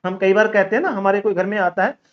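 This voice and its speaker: A man from India teaching an English lesson in Hindi, repeating example sentences slowly and addressing viewers as children. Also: sits high. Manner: slow, repetitive drilling of example sentences. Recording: slightly dull lo-fi recording.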